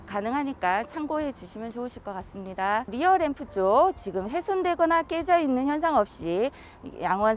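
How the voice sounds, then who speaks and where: High-pitched, lively woman car sales presenter. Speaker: used car dealer presenter.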